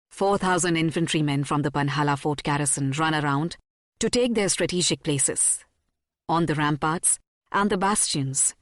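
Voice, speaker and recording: A woman narrating a historical audiobook in a measured, dramatic storytelling manner on a close studio mic. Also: sits low, dry recording. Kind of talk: scripted narration.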